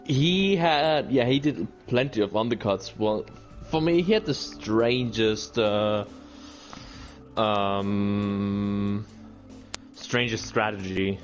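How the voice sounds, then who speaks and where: A man chatting casually about a sim race on a livestream, halting and full of fillers. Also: on the low side, dull audio, soft background music. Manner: halting, with many fillers and restarts. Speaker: sim racing league driver.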